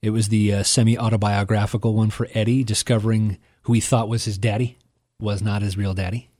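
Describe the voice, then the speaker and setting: A man's voice: on the low side, little pitch movement, fairly quick, a little mellow, no room sound, clean studio sound. A man in casual chat, talking about a song in a loose, rambling way with fillers and restarts. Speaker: music commentator.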